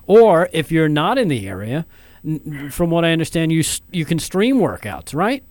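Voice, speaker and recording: Slightly high-voiced male interview host. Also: moderate pace, no room sound. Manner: relaxed, affirming, some repeated words. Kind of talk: talk show interview.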